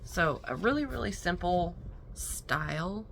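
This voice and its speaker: A woman talking unhurriedly through a product haul in a low voice. Her tone is folksy and chatty, with a faint hiss in the background. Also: expressive, measured pace, gravelly, a bit bright. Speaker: vlogger.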